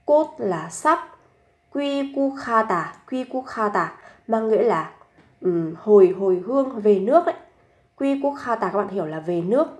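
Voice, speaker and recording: A young adult woman teaching a language lesson, patiently explaining grammar and repeating example sentences slowly. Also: medium pitch.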